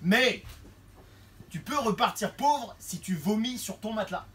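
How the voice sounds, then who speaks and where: A man doing a lively stand-up set on a small bar stage, slipping in and out of character voices, with the audience laughing. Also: sits high, a little slow. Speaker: stand-up comedian. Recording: distant mic in a noisy bar crowd.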